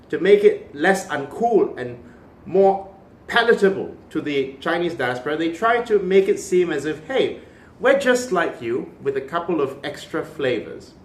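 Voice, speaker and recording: A Malaysian cultural commentator delivers an opinionated video commentary, emphatic and impassioned, with sardonic asides. His rather high voice sounds far from the mic in an echoey room, with a little hiss or hum.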